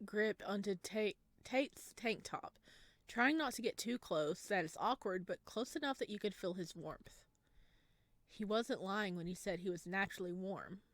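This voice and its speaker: A woman with a mid-range voice, captured dry, plays through a horror visual novel. She reads its second-person text aloud, interjecting asides for her viewers.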